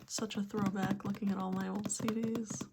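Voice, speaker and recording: A woman whispering a casual ASMR pep talk in a breathy, gentle, rambling way with pauses. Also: medium pitch, flat delivery, heavy background noise. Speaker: ASMR video host.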